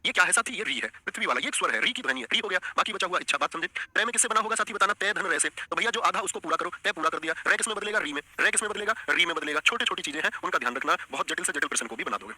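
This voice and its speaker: A man's voice: a little high, animated, very fast, hardly any pauses, pushed and bright, no echo. A man teaching an online exam-prep lesson, coaxing the class and repeating his questions.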